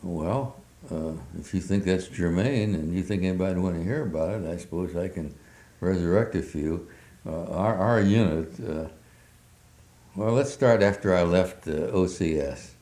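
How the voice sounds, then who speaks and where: An older man with an extremely deep, mellow voice recounts memories in an oral history interview. He speaks haltingly, filling his pauses with many hesitations. The recording is roomy and echoey. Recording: roomy echo.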